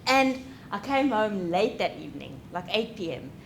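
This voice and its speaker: A young woman speaking to an audience about parenting, her pitch sitting in a normal middle range. She is animated and chatty and keeps checking in with the listeners. A faint rumble runs under the recording. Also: moderate pace, creaky. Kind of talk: lecture.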